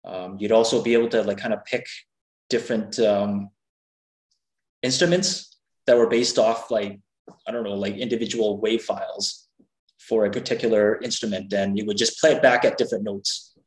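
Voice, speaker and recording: A man's voice: fairly low pitch, steady tone, normal speed. Middle-aged man talking unscripted in echoey room. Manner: candid, loose, hedging explanations. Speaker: podcast guest, game music maker. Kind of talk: casual unscripted chat. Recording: echoey, roomy sound.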